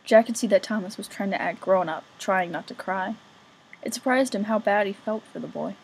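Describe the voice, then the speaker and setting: A woman's voice: mid-range voice, a little fast, creaky, a little hiss or hum, rough recording. A woman reading a novel chapter aloud as an amateur reader, casually remarking on her own slips.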